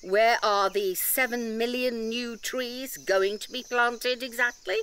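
In an audio drama, a woman with a fairly high, steady, slightly bright voice plays an indignant nature-reserve campaigner. She speaks slowly and scornfully, lecturing emphatically with pedantic detail and rhetorical questions.

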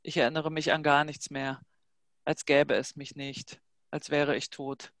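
A woman reading a novel excerpt aloud in a measured, hushed, dramatic way. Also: low-pitched, flat delivery, no echo. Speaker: reader of a translated novel excerpt. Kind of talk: literary reading.

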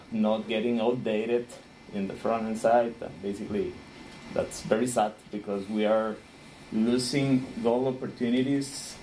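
A man in his thirties from Rica, speaking English, giving a friendly conference talk with frequent small laughs and pauses while he searches for words. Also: on the low side, dark tone, a little hiss or hum, low-quality recording. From Costa Rica.

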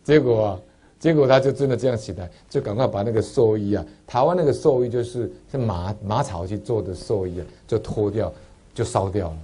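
A man with a Taiwanese Mandarin accent telling stories in a Buddhist talk. He jumps from loud, high exclamations to soft, low asides. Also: a little fast. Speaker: Buddhist lay lecturer.

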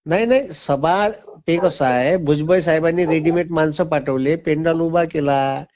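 A man's voice: fairly high pitch, normal speed, a little mellow. A man who runs an academy, answering a landline phone call and lecturing the caller firmly. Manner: firm, lecturing, talks over the caller. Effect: over a landline phone. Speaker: academy teacher. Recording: muffled phone line.

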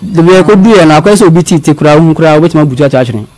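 Halting male guest, slightly high. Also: lively intonation, a little mellow. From Ghana. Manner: halting, repeats words, mixes in English phrases. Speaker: guest telling his story. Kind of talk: confessional storytelling.

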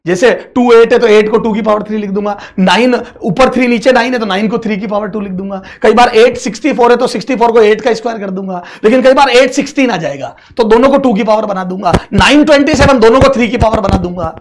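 A man with a high-set voice teaches an exam-prep math lesson. He talks in a fatherly, scolding way, calls his students "beta" and breaks off into motivational pep talks between the sums. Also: fast, few pauses.

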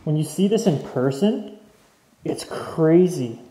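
Speaking slowly but with plenty of animation, a young Canadian man with a warm, fairly high voice explores the basement of a deserted mansion. As host of the urban exploration video, he chats to his viewers, calling them "guys," and describes what he sees. The recording carries the echo of empty rooms.

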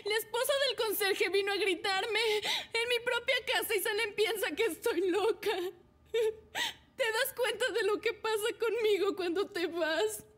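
Una joven mimada que llora furiosa. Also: female voice, unhurried, a bit bright. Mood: bitter. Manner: shrill, indignant. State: crying. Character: spoiled young woman, furious and tearful. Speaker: daughter. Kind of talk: dubbed drama.

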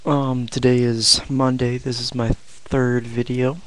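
A young adult man chatting casually to a vlog audience in a flat, low-energy, hesitant way with long pauses. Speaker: video blogger.

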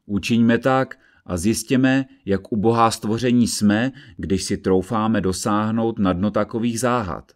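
A man's voice: fairly low pitch, hardly any pauses, lightly acted. A man voicing a pompous, irritable wizard who speaks in an indignant, haughty way in an audiobook reading. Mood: sarcastic.

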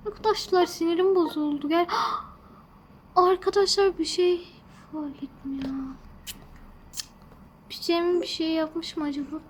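A woman's voice: very high voice, a little hiss or hum. A woman hosting a gaming channel, talking to her viewers in a fretful, rambling way as she plays. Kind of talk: casual gameplay commentary.

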